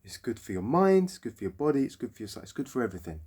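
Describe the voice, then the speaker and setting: A man's voice: medium pitch, sing-song, racing, a little mellow, breathy edge. A man, a jiu-jitsu coach ranting bluntly to his viewers, swearing often and tagging his points with "yeah?". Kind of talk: blunt motivational talk to camera.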